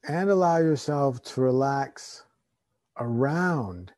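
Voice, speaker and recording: Slow, calm man guiding a meditation. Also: medium pitch, no echo, studio quality. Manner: slow, calm and soothing, with long pauses. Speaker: meditation teacher. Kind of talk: guided meditation.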